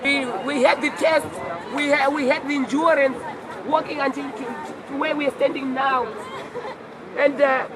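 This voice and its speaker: Heard over heavy outdoor crowd noise in a rough recording, this tired, hoarse woman from Zimbabwe organized a walk and is now interviewed in front of an embassy. Her pitch is high and her intonation fairly even as she speaks haltingly and sincerely, often repeating words, in an emotional street interview.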